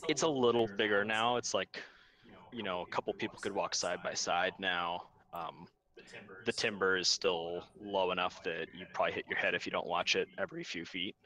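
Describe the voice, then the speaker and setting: A young man narrating a tabletop game as game master, relaxed and full of fillers and pauses. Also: low voice. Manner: relaxed, hesitant with many fillers.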